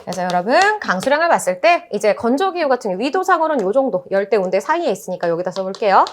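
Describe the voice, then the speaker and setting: A woman's voice: mid-range voice, fast talker, slight background noise. A woman teaching a lecture course, telling stories and acting out playful exchanges as she explains. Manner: lively storytelling, acts out playful voices. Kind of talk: animated lecture.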